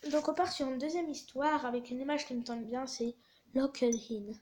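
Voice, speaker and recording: High-voiced, chatty French-speaking host. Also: female voice, a little fast, a little mellow, slight background noise. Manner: chatty, swears, drops to whispers. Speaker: video host reading chat stories. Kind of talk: casual chat.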